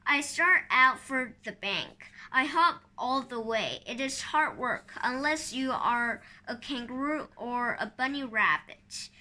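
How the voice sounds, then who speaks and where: Slow, bright woman reading a storybook. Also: high voice. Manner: careful, halting over some words. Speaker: storybook reader. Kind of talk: reading a children's book aloud.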